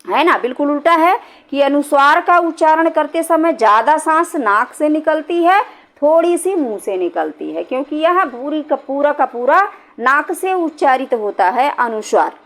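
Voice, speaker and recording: A woman's voice: sits high, animated, moderate pace, a bit bright. A middle-aged woman teaching Hindi grammar in a classroom style, repeating points and often checking that students follow. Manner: repetitive, checks understanding with "है ना".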